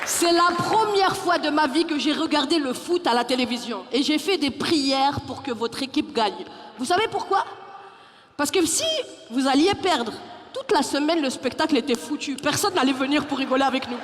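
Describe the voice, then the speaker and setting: Brief: animated woman comic from the Paris suburbs, high voice, live in a reverberant hall with faint crowd noise. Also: normal speed. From Paris suburbs, France. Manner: animated, switches into character voices. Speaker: stand-up comedian. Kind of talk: stand-up comedy. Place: large theater hall.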